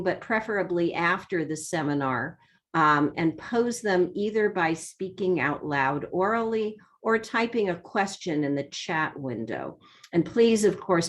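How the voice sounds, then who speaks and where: A woman hosting an online seminar, giving a measured, formal introduction with an occasional filler. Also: lowish voice. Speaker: seminar host. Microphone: video call.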